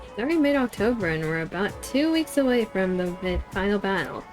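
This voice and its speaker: A woman's voice: medium pitch, lively intonation, fairly quick, natural voice. Shy, earnest girl teammate in a video game, acted by a woman, hesitant, music underneath. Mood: earnest, grateful.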